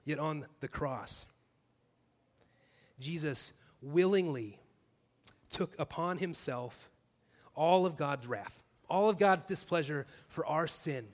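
A man's voice: on the high side, slow, long pauses, big-room sound. A man preaching a sermon as pastor, earnest, building his points in repeated clauses. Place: church.

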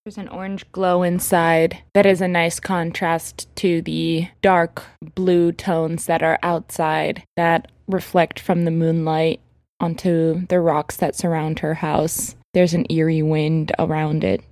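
A woman's voice: low voice, flat delivery, slow pace, darkish tone, dry recording. Woman player at a tabletop game, earnest, dry close mic. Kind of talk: casual tabletop game play.

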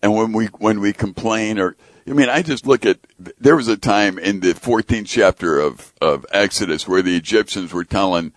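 Low-voiced man, earnest radio guest. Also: moderate pace, hardly any pauses, no room sound. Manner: earnest, animated storytelling, acts out quotes. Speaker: ministry president and radio guest.

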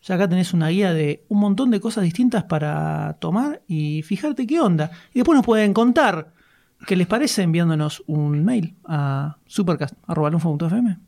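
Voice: mid-range voice, animated, normal speed, gravelly, mellow. Enthusiastic Argentine podcast co-host. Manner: enthusiastic, emphatic praise. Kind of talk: casual chat.

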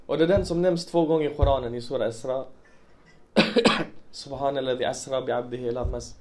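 A man's voice: mid-range voice, fairly even intonation. A man giving a religious talk to a congregation, telling stories and putting questions to his listeners. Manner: storytelling with rhetorical questions to listeners. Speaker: preacher.

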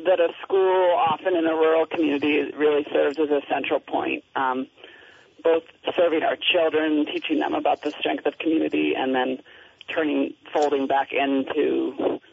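A woman talks over a narrow telephone line with a gravelly, creaky voice, hoarse from a head cold. She is an interview guest who speaks earnestly, feeling her way through phrases. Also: sits low, fairly even intonation, normal speed. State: has a cold. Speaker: interview guest, local parent. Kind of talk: phone interview.

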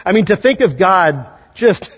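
A man's voice: high voice, very animated, breathy edge. Man, pastor, sermon, conversational, long hall reverb, dull lo-fi sound. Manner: conversational preaching with quick acted asides. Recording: dull audio in a large hall.

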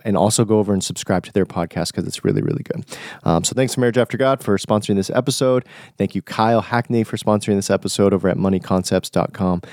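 Young man, nasal stuffed-up voice, lowish pitch, casual podcast host, informal slang, dry close recording. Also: a little mellow, no echo. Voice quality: nasal, congested voice. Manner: informal, conversational, buddy-like slang. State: recovering from flu, stuffy nose. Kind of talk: casual solo podcast talk.

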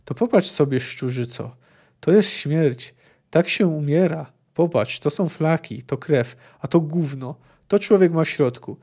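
A brutal, sadistic male bounty hunter taunts his captive in growled book lines, read out by a man in his everyday voice. The voice sits a little high and sounds mellow. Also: animated, measured pace. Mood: menacing.

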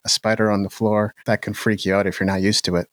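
A man's voice: lowish voice, quick pace, no echo, studio quality. Chatty man hosting a podcast. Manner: relaxed, chatty, laughs often. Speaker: podcast host. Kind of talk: casual interview chat.

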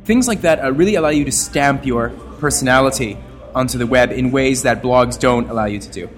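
A man from Canada speaks as a guest on an interview podcast, at an ordinary pitch for a man. He talks at length in a wordy, expressive way, bending his voice as he goes. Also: a little fast, soft background music. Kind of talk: casual interview talk.

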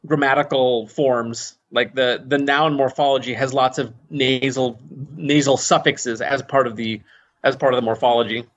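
A man of medium pitch and fairly even intonation speaks at normal speed with a slightly bright tone. An author and language inventor, he chats thoughtfully in a casual interview, restarting often and using fillers, over muffled, dull podcast audio.

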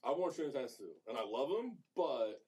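A man's voice: medium pitch, big pitch swings, quick pace, warm tone, slightly rough. A man in his thirties co-hosting a podcast, laid-back and jokey, rambling in casual chat. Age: 30s. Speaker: podcast co-host.

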